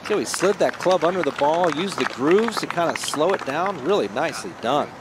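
A man's voice: on the high side, lively intonation, normal speed, over a noisy crowd. Conversational male golf commentator, noisy outdoor backdrop. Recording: clear outdoor course noise behind.

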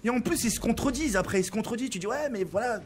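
A man's voice: very high voice, animated, racing, background noise. A man from France streaming a game, ranting at his viewers with exasperation, swearing and stumbling over his words. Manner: exasperated, swearing, stammering restarts.

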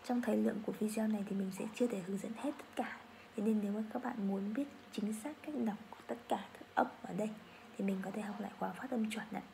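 Gravelly, mellow-voiced Vietnamese woman teaching. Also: medium pitch, slight background noise. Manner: slow, drawn-out model phrases for repetition. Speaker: English teacher. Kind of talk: pronunciation lesson.

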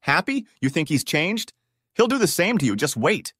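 A man voicing a bitter, furious jilted ex-girlfriend who talks in a shrill, accusing way. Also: huge pitch swings, fast, fairly bright tone, no echo, studio quality.

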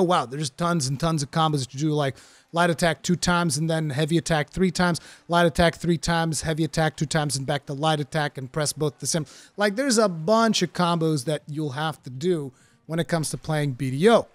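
A man from Portugal, a gaming streamer, speaks English with an accent that sounds American and a voice on the high side, recorded with no echo. In casual review commentary he chats about his first impressions of a game, using frequent fillers.

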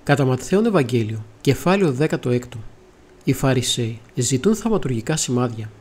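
A man reading scripture aloud in a steady, measured way. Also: mid-range voice, husky, soft background music. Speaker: Bible reader.

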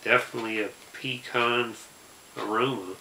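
A man in his forties hosting a product review, deadpan, measured and halting. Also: mid-range voice. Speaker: host, snack reviewer. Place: small room indoors. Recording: roomy with background noise.

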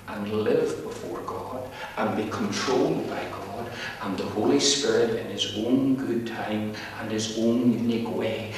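A man's voice: lowish voice, slight background noise. A man preaching a fervent sermon in repetitive, biblical phrasing. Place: church meeting hall. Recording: echoey church hall, voice far from mic.

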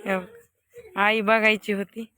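A woman's voice: mid-range voice, flat delivery, slow, very noisy. A woman vlogging her family's day in a village, chatting with viewers. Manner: chatty, talking to viewers while filming. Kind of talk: casual family vlog chat.

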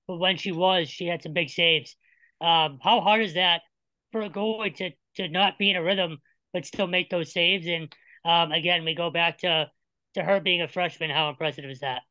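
Male reporter, bright forward tone, dry close audio; friendly, hesitant questions. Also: high voice, steady tone, moderate pace, dry recording, poor audio. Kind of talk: press conference questions.

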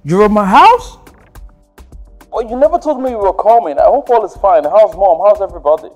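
Jovial uncle, raised pitch, effusive, faint music behind. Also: male voice, expressive, a little fast. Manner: effusive, chatty on the phone. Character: jovial uncle, warm greeter.

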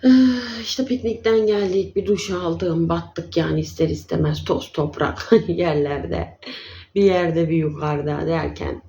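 A woman's voice: lowish voice, steady tone, unhurried, warm tone. A woman chatting casually in a vlog, affectionately calling her viewers dear ones. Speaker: vlogger.

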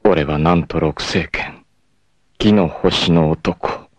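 A very noisy recording catches a male actor's low, slow voice as a 1980s anime martial artist with long hair, proud and self-sacrificing, speaking with peaceful resolve. The role is solemn and dramatic, punctuated by fierce shouts during battle.

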